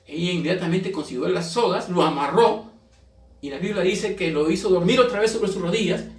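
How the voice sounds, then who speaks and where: A man's voice: high-pitched, a little fast. A male pastor preaching a sermon, retelling a Bible story and stressing points with emphasis. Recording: echoey room, mic far off.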